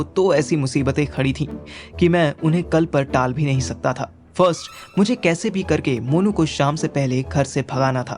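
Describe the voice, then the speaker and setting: A young man narrates his own story with a wry, casual manner. His voice sits a little high for a man. Soft music plays underneath. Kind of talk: first-person audio story narration.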